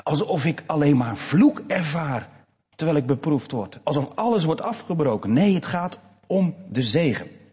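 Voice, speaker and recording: A man preaching a sermon to his congregation in a church, slow and emphatic with expressive rises. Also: on the high side, breathy edge. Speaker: pastor. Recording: long church reverb.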